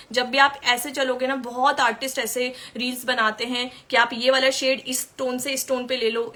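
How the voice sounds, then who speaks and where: A woman's voice: a little high, sharp tone. A woman makeup artist teaching makeup in a chatty way during a live-stream tutorial, answering viewer questions as she works.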